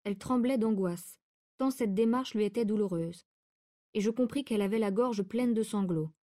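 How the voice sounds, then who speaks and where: Brief: woman audiobook narrator, measured and expressive, warm tone. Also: mid-range voice. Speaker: audiobook reader. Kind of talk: literary narration.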